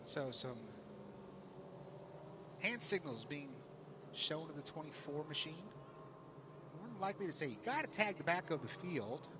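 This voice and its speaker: A man's voice: on the high side, lively intonation, normal speed, long pauses. A man commentating live on a sprint car race, calling it in short, clipped announcer phrases. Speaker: motorsport commentator. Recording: very loud engine and vehicle noise. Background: race cars at a speedway.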